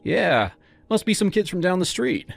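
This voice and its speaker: A man's voice: high voice, sing-song, normal speed, vocal fry, no room sound, soft background music, pitched above the performer's own voice, full character voice. A man voicing a cocky, smirking eighteen-year-old guy with a smug, dismissive manner.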